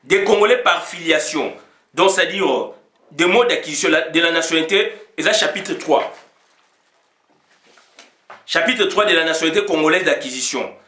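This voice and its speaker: A man with a fairly high, sharp-toned voice gives an informal political monologue as a commentator, switching between two languages with many fillers and sometimes reading legal text aloud. The sound is roomy.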